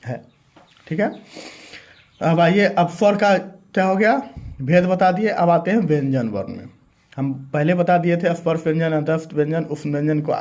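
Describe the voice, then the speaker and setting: High-pitched guy teaching a grammar class, keeps asking questions then answering them himself. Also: darkish tone. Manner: repetitive, step-by-step explaining. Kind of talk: classroom lesson.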